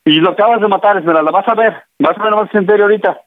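A man's voice: sits high, rapid-fire, no echo. Distraught father over a tinny phone. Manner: distraught, scolding, repeating himself. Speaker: prank call target, father.

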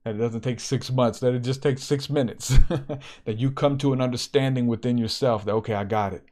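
A man's voice: mid-range voice, steady tone, moderate pace, darkish tone. A man hosting a podcast, giving a spiritual encouragement talk in a preacherly, repetitive way and laughing often. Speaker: podcast host.

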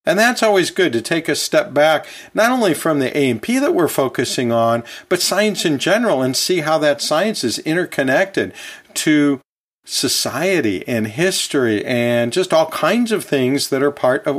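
An anatomy and physiology teacher hosts this podcast in a very animated voice that is a little high and moves at a moderate pace. He talks like a chatty classroom teacher, conversational and folksy, often chuckling and catching himself with quick corrections and asides.

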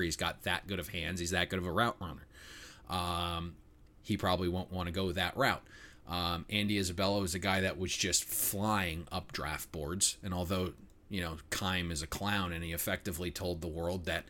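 A man's voice: low voice, sharp tone. A man co-hosting a sports betting podcast, talking casually and opinionatedly with lots of fillers. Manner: opinionated, rambling with frequent fillers. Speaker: podcast co-host.

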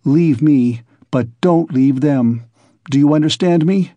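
A man's voice: on the high side, slow pace, dark tone, no room sound, lo-fi sound. A man voicing a tormented young man, feverish and resolute, who talks in tense, clipped pleas.

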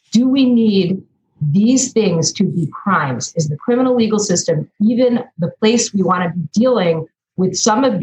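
A woman law professor answering interview questions in a measured, explanatory way. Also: on the low side, a little hiss or hum, rough recording. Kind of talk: remote news interview.

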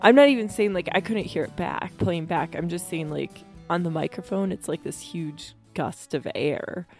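A woman's voice: on the low side, normal speed, soft background music. A woman in her thirties co-hosting a casual podcast, rambling and giggly with lots of fillers, sounding tired. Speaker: podcast co-host. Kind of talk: casual chat. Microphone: close studio mic.

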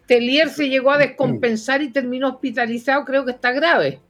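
An older woman from southern Chile with a Chilean accent, giving earnest, opinionated conversational commentary to listeners, halting and repeating words as she goes. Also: high-pitched, steady tone, fairly bright tone. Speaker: doctor and radio commentator.

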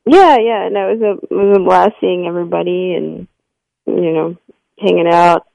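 A hungover woman calls in to a radio show, her voice gravelly and full of fry, and she laughs and jokes sarcastically. The line sounds dry and close, with no room at all. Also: on the low side, normal speed, a little mellow, no room sound, low-quality recording. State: hungover and nauseated. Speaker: radio caller. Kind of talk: casual phone call-in chat.

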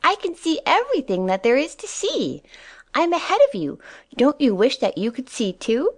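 A woman voicing an eager, curious baby boy rabbit who squeaks out excited questions in a storybook reading. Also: normal speed, exaggerated voice. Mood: boastful.

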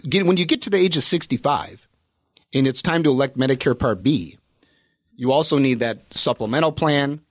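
A man's voice: medium pitch, normal speed, dry recording. Dry-voiced man advising on retirement money. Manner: explanatory, with many "you know" fillers. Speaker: financial advisor. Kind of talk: casual radio chat.

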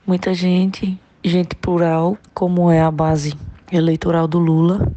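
A woman with a low, mellow voice speaks in an even, flat line as she reflects from the heart. The recording sounds dull and lo-fi. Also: takes it slowly, slight background noise. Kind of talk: recorded testimony.

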